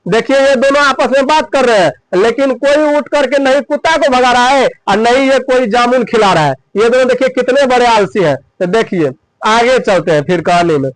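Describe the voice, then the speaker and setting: High pitched guy explaining a school story, keeps asking himself questions. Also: normal speed, no room sound, low-quality recording. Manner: repetitive, asks and answers his own questions. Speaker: storyteller explaining a textbook chapter.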